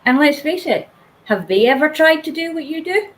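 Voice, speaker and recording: A woman appearing as a guest speaker talks earnestly and emphatically in a motivational conversation, at times voicing the inner voices she describes. Her high-pitched voice is expressive at a moderate pace, though the recording quality is low.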